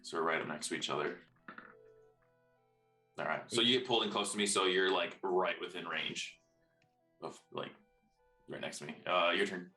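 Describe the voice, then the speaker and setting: A man with a very deep, bright voice casually plays a tabletop role-playing game. He thinks aloud as he calls out moves. The room is echoey. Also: normal speed, long pauses. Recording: roomy echo, faint music behind.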